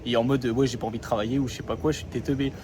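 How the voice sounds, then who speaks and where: A man's voice: medium pitch, level tone, rapid-fire. A young man from France chatting in a casual diary vlog, talking loosely with many fillers and slang. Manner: rambling, lots of fillers and slang. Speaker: vlogger. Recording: phone vlog with street noise.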